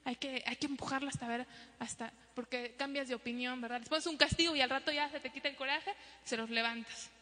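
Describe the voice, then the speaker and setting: A middle-aged woman preaches to her congregation in an animated way, slipping into the voices of parents and children. Her voice sits high and bright. It rings with a long reverb, as if she is speaking in a big hall. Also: a little fast. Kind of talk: sermon to a congregation.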